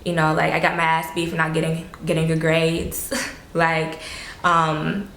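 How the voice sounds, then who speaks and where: Gravelly-voiced woman chatting casually. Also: low-pitched, monotone, unhurried, fairly bright tone, echoey room, a little hiss or hum. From South Florida. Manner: loose and chatty, full of fillers and casual swearing. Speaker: interview guest. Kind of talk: casual interview chat.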